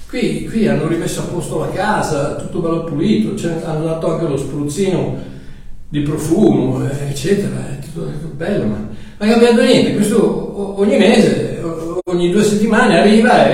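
A man preaching by acting out a story in a theatrical, animated way, recorded in an echoey hall from a distant mic. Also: fairly high pitch.

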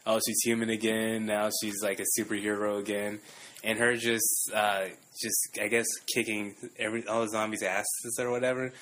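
A man's voice: lowish voice, level tone, normal speed, fairly bright tone, slight background noise. A man talking casually about movies in a laid-back, hesitant way. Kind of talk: casual chat.

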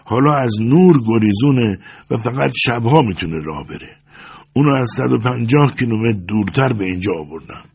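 A man voicing an emotional, passionate middle-aged merchant in an audiobook, with a loud, hoarse voice that swings between shouting and pleading. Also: mid-range voice, expressive, voice pushed up. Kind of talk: audiobook character voice.

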